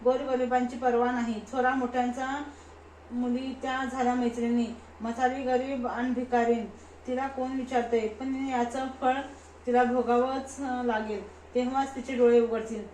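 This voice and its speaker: A woman voicing a poor, ragged old woman who is proud and easily offended, speaking slowly and reproachfully in an echoey room. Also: a little high, little pitch movement, a little mellow, close to an everyday voice. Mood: indignant. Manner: scolding, slow and deliberate. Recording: echoey room, faint noise.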